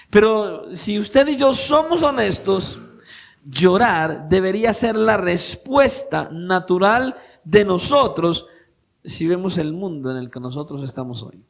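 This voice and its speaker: A man with a notably high voice preaches to his congregation in church. He presses his points with rising emphasis, then drops into soft, intimate asides, and keeps turning rhetorical questions on his listeners. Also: vocal fry. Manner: swings between raised emphatic preaching and quiet intimate asides. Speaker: pastor. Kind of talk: sermon.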